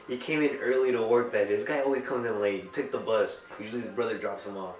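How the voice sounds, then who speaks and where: Low-voiced young man, joking, far from the mic. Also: steady tone, fast, echoey room. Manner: crude, laughing storyteller. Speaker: pizza shop worker. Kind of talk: casual chat among friends.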